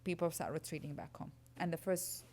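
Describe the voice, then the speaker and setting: A woman's voice: low-pitched, fairly even intonation, a little fast, darkish tone. A woman from Iraq, earnestly explaining as a guest speaker answering audience questions at a lecture.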